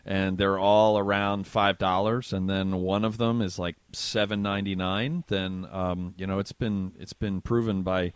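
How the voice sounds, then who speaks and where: A middle-aged man hosts a podcast in a relaxed, joking manner. His voice sits very low and sounds close and dry, with no room around it. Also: measured pace, hardly any pauses, clean tone, dry recording. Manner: joking, chatty. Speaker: podcast host. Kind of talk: casual podcast interview.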